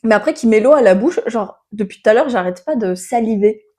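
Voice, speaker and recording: A woman with a fairly high, very soft-edged voice talks casually while her mouth burns from hot sauce. Her delivery is animated and full of everyday slang. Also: a little fast. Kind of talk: casual chat during a challenge video.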